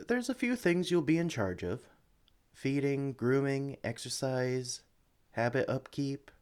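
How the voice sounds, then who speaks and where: A medium-pitched man voices an experienced, excitable young sanctuary worker in a one-sided ASMR roleplay, eagerly and reassuringly guiding the listener as a new recruit. His friendly chatter is apologetic and full of hesitations.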